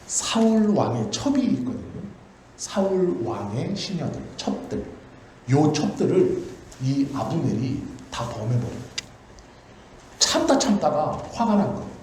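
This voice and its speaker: A man's voice: fairly high pitch, very animated, measured pace, darkish tone. A male pastor telling a Bible story in a sermon, chatty, asking questions and answering them himself. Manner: conversational, asks and answers own questions. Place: church sanctuary. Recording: very echoey church hall, faint noise.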